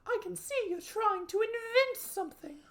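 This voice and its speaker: A woman voicing a frantic, indignant, suspicious pigeon from a storybook, scolding in drawn-out shrieks. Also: very high-pitched, pitched above the performer's own voice. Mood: scornful, sulky. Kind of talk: storybook character voice.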